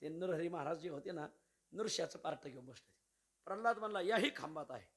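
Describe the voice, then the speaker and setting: A man preaching a devotional story in a sermon, lively and repeatedly addressing his listeners as Maharaj. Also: fairly high pitch, quick pace. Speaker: kirtan preacher. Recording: musical accompaniment behind voice.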